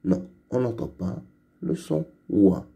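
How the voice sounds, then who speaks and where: A man leads a phonics lesson for young children, saying each word slowly and twice over. His voice is low, dark and gravelly, and he speaks at a very unhurried pace. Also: animated, dull audio. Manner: repeats each word slowly and clearly, patient. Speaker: reading teacher.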